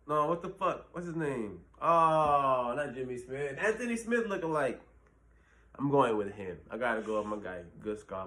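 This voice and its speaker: A man's voice: lowish voice, fairly bright tone. A man hosting his own channel, giving blunt, profane fight predictions in a rambling casual talk full of fillers. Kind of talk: casual solo commentary.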